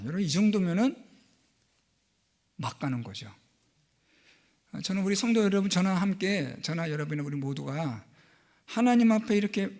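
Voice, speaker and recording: A man preaching from the pulpit, his voice sitting high for a man. He speaks earnestly and with emphasis, stretching key phrases and voicing quoted pleas and retorts with feeling. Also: a little mellow. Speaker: pastor. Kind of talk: sermon.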